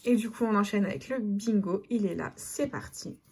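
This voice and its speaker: Chatty woman scratching lottery tickets, mellow voice. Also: medium pitch, fairly quick, gravelly, a little hiss or hum. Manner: chatty, addresses viewers as "les copains". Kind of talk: casual scratch-card commentary.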